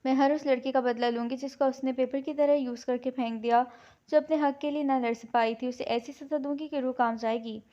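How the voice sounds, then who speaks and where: A distraught young woman, pleading and devoted, with a high voice, as a woman narrator plays her. The sound is a bit dull and lo-fi, like a home-made audio novel. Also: fairly even intonation, a little fast, dark tone, natural voice.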